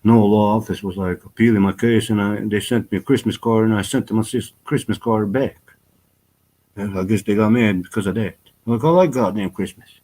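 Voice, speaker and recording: A man with a low-pitched voice rambles through a personal vlog. His talk is loose and full of fillers, restarts and casual swearing. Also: fairly quick, dark tone, poor audio.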